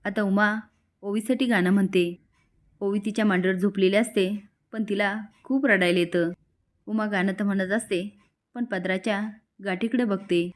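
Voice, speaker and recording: Woman narrator, steady recap storyteller, plain even delivery. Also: medium pitch, normal speed, long pauses. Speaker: narrator recapping a TV serial episode.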